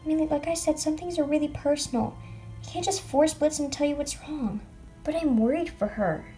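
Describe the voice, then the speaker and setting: A woman voicing a protective young female toy pet who calms and reassures her friend, over faint music in an amateur toy video. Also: sits high, brisk, close to an everyday voice. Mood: firm. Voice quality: soothing, reassuring.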